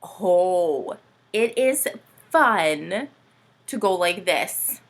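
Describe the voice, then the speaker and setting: Her voice on the low side and her pace very slow, a woman presents a playful storytime for young children with the help of a puppet sidekick. She reads aloud animatedly and addresses the kids with lots of questions.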